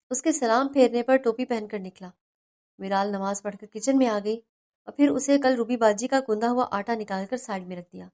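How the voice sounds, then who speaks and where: Woman reading a romance novel aloud. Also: a little high. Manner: steady storybook reading. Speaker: novel narrator. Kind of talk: scripted narration.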